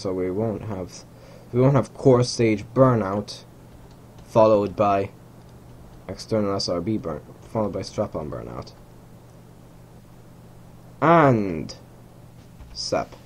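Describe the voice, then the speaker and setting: Very animated yet slow, with frequent pauses, this young gamer speaks in a fairly low, darkish voice. His first language is Hungarian, and he commentates a game rocket launch casually from a small room at home, rambling, self-correcting and chuckling along the way.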